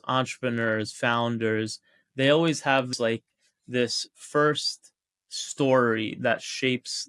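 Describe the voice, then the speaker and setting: A man's voice: medium pitch, a bit bright, no echo. Easygoing male podcast host, dry sound. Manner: easygoing, with frequent "uh" and "like". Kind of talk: conversational interview.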